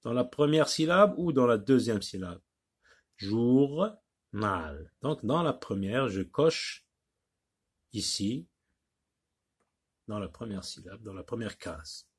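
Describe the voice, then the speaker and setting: A man's voice: mid-range voice, animated, measured pace, long pauses, husky. A man teaching a phonics lesson to young children, patiently repeating and stretching out each word.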